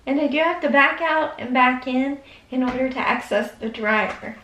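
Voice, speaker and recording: A woman's voice: high voice, normal speed, very noisy. A young woman chatting casually to viewers, explaining each step of her routine at home. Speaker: vlogger. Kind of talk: casual vlog walkthrough. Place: at home, narrow laundry room and kitchen. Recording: echoey room.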